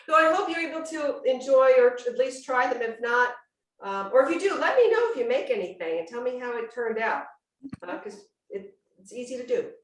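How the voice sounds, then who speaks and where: A slightly high, very animated woman speaks at a moderate pace while teaching a cooking class live over a video call at home. Her talk is casual, chatty and exclamatory, and the call audio sounds roomy, picked up from a distance.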